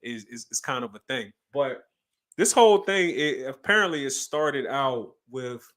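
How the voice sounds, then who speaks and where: Male podcast co-host, mid pitch, emphatic casual chatter. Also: animated, normal speed, fairly bright tone. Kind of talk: casual chat.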